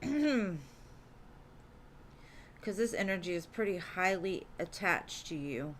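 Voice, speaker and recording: A slow-talking tarot streamer with a voice on the low side swings widely in pitch as she reads live for her audience. She's casual and full of fillers such as "like" and "um," calls everyone "love," and slight background noise can be heard.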